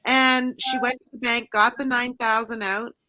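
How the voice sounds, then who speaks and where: A woman co-hosting a casual podcast chat, telling stories in an animated, chatty way. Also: on the high side, moderate pace. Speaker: co-host.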